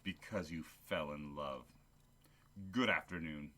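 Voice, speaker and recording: A man's voice: very deep voice, measured pace, bright, forceful tone, full character voice. An actor playing a cold, miserly older businessman in a radio play, curt, sarcastic and dismissive. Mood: scornful sarcasm, then curt dismissal. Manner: curt, scornful, sardonic.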